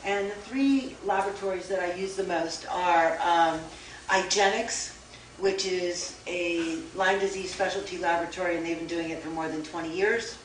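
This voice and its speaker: A woman's voice: on the low side, steady tone, normal speed. A woman, a naturopathic doctor, giving a lecture to an audience and reading through lists steadily, with a few stumbles and self-corrections. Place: store event room. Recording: echoey room, voice far from mic, faint hiss.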